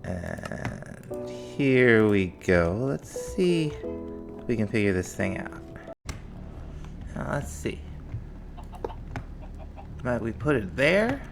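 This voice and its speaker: A man casually narrating his modded game as a let's play host, thinking aloud in a relaxed, mumbling way, with faint music behind. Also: medium pitch, slow pace, gravelly, long pauses. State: morning voice. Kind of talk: casual gameplay commentary.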